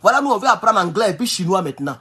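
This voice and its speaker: A high, husky male voice with a Burkinabè French accent delivers a political commentary vlog. He talks in an animated, rousing way, swinging widely in pitch and often restarting his phrases as he calls on his listeners as comrades. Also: very fast. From Burkina Faso.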